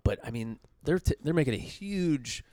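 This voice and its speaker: A man co-hosting a casual podcast chat, animated and quick to jump in. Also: medium pitch, no echo. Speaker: podcast co-host.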